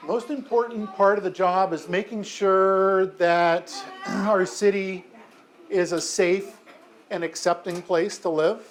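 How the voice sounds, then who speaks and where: An American man in his fifties, a mayor, answers questions from a class of children in an elementary school classroom. His voice sits high with fairly even intonation, and he speaks slowly in a friendly, chatty way, often saying "um" and correcting himself.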